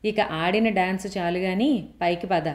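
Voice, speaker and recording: A woman's voice: lowish voice, normal speed, a little mellow, natural voice. A woman doing a blunt, scolding older housewife.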